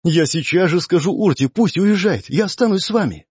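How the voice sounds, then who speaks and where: A man's voice: high-pitched, expressive, brisk, darkish tone, slightly rough, dry recording, pitched above the performer's own voice, exaggerated voice. A man doing a desperate pleading young woman. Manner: pleading, urgent. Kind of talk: audiobook character voice.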